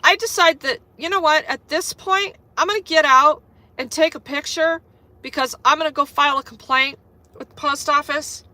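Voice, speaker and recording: High bright lady ranting thru a story on her vlog, lots of swearing, dry close sound. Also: moderate pace, no room sound. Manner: profane, animated retelling. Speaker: vlogger.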